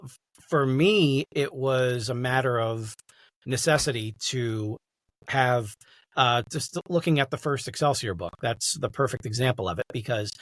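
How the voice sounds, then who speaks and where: A middle-aged man from New York City has a mid-range, slightly bright voice on a dry recording. He's a podcast guest and audiobook narrator speaking conversationally in an interview.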